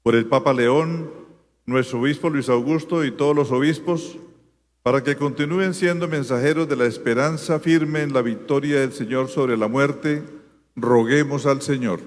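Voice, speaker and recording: A man reading the prayers of the faithful at a funeral mass in a measured liturgical cadence, his voice echoing in a large church. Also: medium pitch. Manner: measured, repeating the response. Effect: cathedral echo. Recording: long church reverb.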